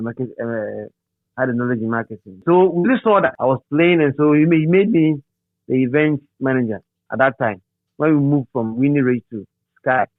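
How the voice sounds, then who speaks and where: A middle-aged Ghanaian man, a radio DJ and presenter, reminisces as an interview guest. He tells stories in an animated but halting way, repeating words and phrases, in a mid-range voice. The sound is thin and phone-like, with no echo.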